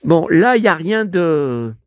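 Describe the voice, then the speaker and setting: A hoarse man talking to his viewers at home, showing off his finds as a collector. He rambles, grumbles, swears often and keeps addressing the audience. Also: on the high side, sing-song, measured pace, dry recording. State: hoarse, voice worn out. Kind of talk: rambling vlog talk to viewers.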